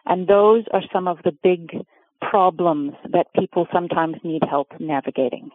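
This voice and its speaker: A woman's voice: fairly low pitch, normal speed, no echo. Middle-aged woman on a tinny phone line. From Oregon, USA. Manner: earnest, explanatory, frequent restarts. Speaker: guest, pet custody mediator. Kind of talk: conversational interview answers. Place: home in Cape Town, remote call.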